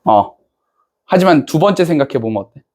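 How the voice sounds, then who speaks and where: A man with a fairly high voice lectures a class in a relaxed, chatty way. He keeps firing questions at the students and checking that they follow. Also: a little fast. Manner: casual banter-style speech to students. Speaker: English teacher.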